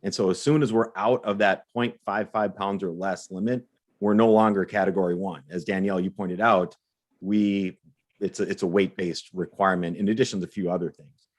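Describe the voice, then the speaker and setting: Low-voiced man explaining rules on a live Q&A. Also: steady tone, a little fast. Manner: explanatory, repeats words when restarting. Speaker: co-host.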